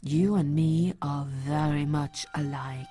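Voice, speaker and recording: A woman's voice: low voice, fairly even intonation, slow, warm tone, soft background music. An actress voicing a sinister, controlling otherworldly woman in a video game, solemn and menacing. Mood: solemn, coaxing.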